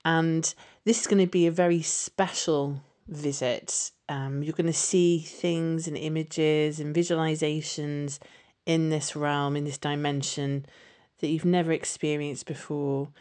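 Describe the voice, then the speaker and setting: Woman, meditation guide, low-pitched, very slow pace, soothing instruction. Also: steady tone, a little mellow.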